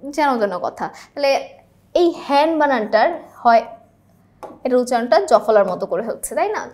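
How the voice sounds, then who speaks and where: High-voiced woman teaching an exam lesson. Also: lively intonation, moderate pace, a little mellow. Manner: checks in with rhetorical questions. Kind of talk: exam-prep lesson explaining answers.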